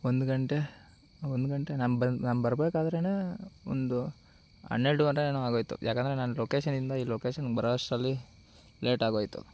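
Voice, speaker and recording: A man's voice: mid-range voice, steady tone, brisk. Nervous man ghost hunting in a forest. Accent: Kannada. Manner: alternates hushed asides with loud shouted calls into the dark. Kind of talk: night ghost-hunting vlog. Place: forest at night, outdoors.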